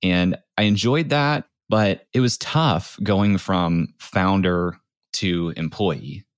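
A man's voice: sits low, takes it slowly, clean tone, no room sound, studio quality. A man from the United States giving an informal, conversational account as a podcast guest, often saying "like". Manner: informal, peppers speech with "like". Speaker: podcast guest, startup founder turned creator. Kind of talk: conversational interview storytelling.

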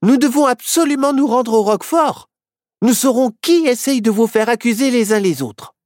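A storyteller voicing a bold, excited young girl heroine in a children's storybook, talking in an urgent, insistent way. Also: medium pitch, moderate pace, no room sound, studio quality, voice pushed up, natural voice.

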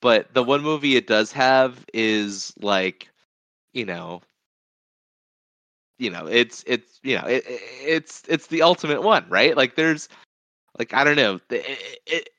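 The co-host's medium-pitched voice is unhurried, a bit bright, and lively in intonation, with no echo. He's chatting casually about movies on a podcast, wandering in his talk and circling back to repeat phrases.

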